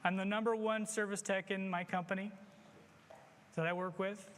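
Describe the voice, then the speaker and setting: Earnest high-voiced man preaching in a hall. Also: little pitch movement, normal speed, fairly bright tone, slight background noise. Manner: earnest, confessional, exhorting. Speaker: church member giving testimony. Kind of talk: sermon testimony.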